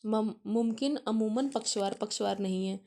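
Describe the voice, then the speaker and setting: A woman's voice: mid-range voice, normal speed, warm tone. A young woman teacher working through exam questions one by one and explaining each answer step by step. She mixes English words into her talk and calls her viewers friends. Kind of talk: solving exam questions aloud.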